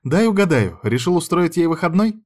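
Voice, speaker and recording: A man voicing a calm, dry, teasing woman who is the narrator's boss on the phone. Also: fairly high pitch, moderate pace, voice pushed up.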